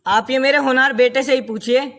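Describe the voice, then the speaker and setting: Folksy village father played by a woman, money-minded farmer, calling out in an amateur street play, fairly high. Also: steady tone, brisk, fairly bright tone. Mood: agreeable.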